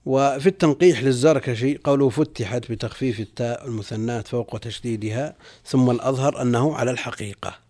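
A man's voice: mid-range voice, fast, mellow. A middle-aged man speaking as a religious scholar, reading and explaining commentary in mostly formal Arabic with colloquial asides, repeating key phrases. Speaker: religious scholar, guest on the program.

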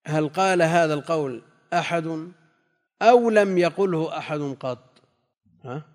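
A male religious teacher giving a classical text lesson. He reads quoted passages slowly, repeats key phrases and answers students' questions. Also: fairly high pitch, a little mellow. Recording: long hall reverb.

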